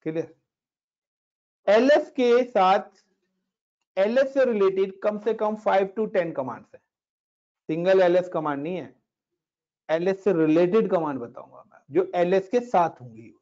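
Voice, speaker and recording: A chatty, Hindi-speaking male Linux instructor teaches a casual screen-share class on commands, heard through a dull lo-fi recording. His voice sits high with a darkish tone, and he speaks at a measured pace with frequent pauses. He guides students through each step, mixing in English words.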